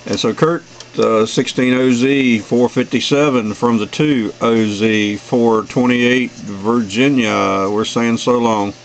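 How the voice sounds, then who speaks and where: Slow and steady, this medium-pitched voice belongs to a middle-aged or older US ham radio operator making friendly, folksy small talk on a casual contact and signing off warmly. It's recorded in a noisy radio shack.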